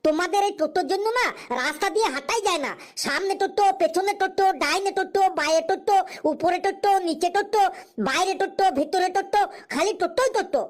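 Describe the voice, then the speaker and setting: A woman voicing a hot-tempered man in a comic cartoon dub, scolding and ranting in a shouty, repetitive way. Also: very high-pitched, fast talker.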